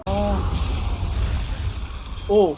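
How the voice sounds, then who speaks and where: A woman, a gamer streamer, shrieking and playful in excited casual chatter, mixing English phrases. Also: medium pitch, extremely slow, background noise.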